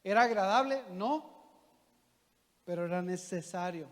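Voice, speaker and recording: Pastor guy preaching, high voice, lots of questions to the crowd, echoey church. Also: measured pace. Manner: conversational preaching with rhetorical questions to the congregation. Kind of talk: sermon. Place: church hall. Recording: long church reverb.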